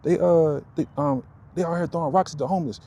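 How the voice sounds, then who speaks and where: Brief: accusing woman stranger, high and strident, mimicked by a man. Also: fast talker, creaky, mellow, slight background noise. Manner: high-pitched accusing retort.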